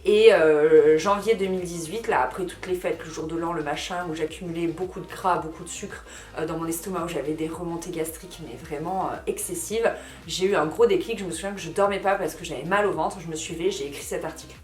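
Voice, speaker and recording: Speaking fairly quickly in an echoey room, this French lifestyle vlogger in her thirties has a lowish, slightly mellow voice. She talks to camera in her half-renovated house in a loose, chatty way, peppered with fillers, restarts and self-corrections.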